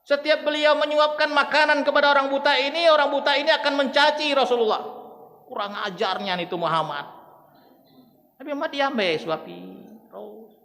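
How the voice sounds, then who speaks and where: A man's voice: very high voice, fast talker, pushed and bright. A male Islamic preacher, giving a mosque sermon full of storytelling and often addressing the congregation directly. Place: large mosque hall. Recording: long reverb of a large mosque hall.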